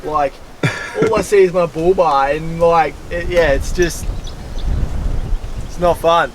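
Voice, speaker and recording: A man's voice: on the high side, takes it slowly, slight background noise, low-quality recording. An Australian man chatting casually at a campsite, mocking himself and swearing casually. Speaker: travel companion. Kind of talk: casual chat. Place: outdoors at a campsite. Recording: outdoor ambience behind.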